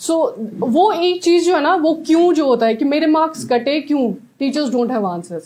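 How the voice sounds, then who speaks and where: A young woman from Jammu and Kashmir giving an animated motivational talk to students about exam preparation, switching between Hindi and English mid-sentence. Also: sits high, unhurried. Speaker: exam topper giving advice.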